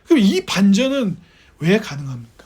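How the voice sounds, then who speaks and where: Korean pastor preaching in a chatty way. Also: male voice, high voice, very animated, normal speed, a little mellow, breathy edge. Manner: conversational, acts out quoted voices, rhetorical questions. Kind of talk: sermon.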